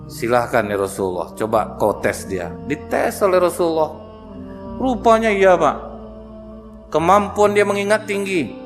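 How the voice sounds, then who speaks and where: A man preaching in a lively storytelling way, joking and turning to the listeners often. His voice sits at an ordinary pitch. Faint music plays behind him. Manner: storytelling, humorous, addresses audience directly. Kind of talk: sermon.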